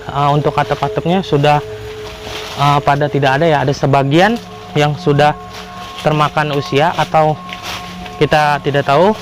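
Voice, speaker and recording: A man with a slightly high voice narrates an exploration vlog. He speaks haltingly to his viewers and often repeats his phrases. Music plays behind his voice. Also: flat delivery, rough recording. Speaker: vlogger exploring abandoned houses. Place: abandoned roofless house and overgrown grounds in drizzle.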